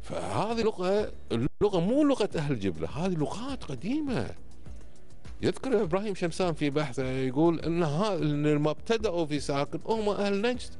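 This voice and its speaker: A man's voice: a little high, very animated, a little fast, darkish tone, faint music behind. A man in his fifties with a Kuwaiti Gulf Arabic accent, explaining emphatically like a teacher in a podcast conversation, checking often that he is followed. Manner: emphatic, didactic, frequent checking tags. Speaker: podcast guest. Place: indoor podcast studio. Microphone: close studio microphone on boom arm.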